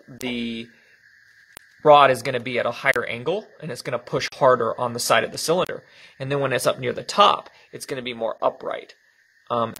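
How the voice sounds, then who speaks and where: A man vlogging a motorcycle engine rebuild, talking through each step in a relaxed tutorial way with frequent ums. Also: medium pitch, poor audio. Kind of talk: casual hands-on tutorial.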